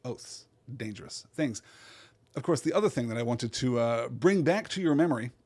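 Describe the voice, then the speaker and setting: A man's voice: mid-range voice, lively intonation, normal speed, darkish tone, husky. A man hosting a live literary podcast, talking thoughtfully with frequent stammered restarts. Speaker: podcast host.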